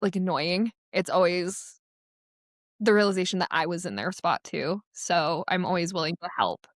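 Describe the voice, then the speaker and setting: A woman's voice: on the low side, normal speed, dry recording. Chatty young woman, dry close sound. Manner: chatty, laughs often. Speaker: guest, associate director of athletics marketing. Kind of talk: casual podcast interview.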